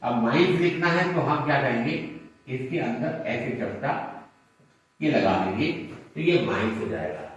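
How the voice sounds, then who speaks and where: A man's voice: medium pitch, lively intonation, unhurried, muffled recording, a little hiss or hum. A man teaching shorthand, explaining each stroke patiently and step by step. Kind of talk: classroom lesson at a board. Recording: echoey room, mic far off.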